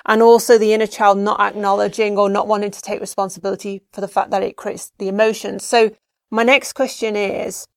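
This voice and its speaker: A woman's voice: medium pitch, little pitch movement, fairly quick, no room sound, clean studio sound. A woman interviewing, asking long and thoughtful questions and sometimes searching for words. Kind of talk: conversational questioning.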